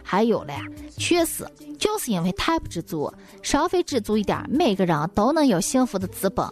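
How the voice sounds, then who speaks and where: A woman's voice: medium pitch, very animated, moderate pace, soft background music. A woman host telling comic stories in a folksy, exclamatory monologue.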